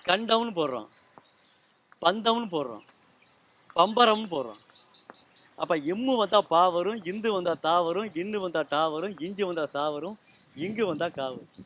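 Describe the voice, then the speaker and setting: A man patiently teaches language and spelling rules to a small group, explaining carefully and quizzing them with repeated questions. His voice sits high, and there's a noisy background.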